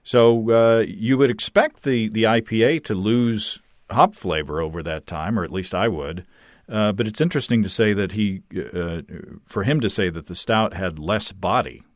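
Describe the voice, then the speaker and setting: A man's voice: on the low side, moderate pace, no room sound, clean studio sound. A man hosting a podcast, reading listener notes aloud in an easygoing, chatty way. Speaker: podcast host.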